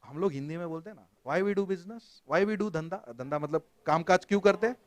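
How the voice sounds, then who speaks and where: An Indian man teaching company law to a live class, jokey and lively, quizzing his students as he goes. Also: high-pitched, brisk, no echo. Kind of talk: classroom lecture.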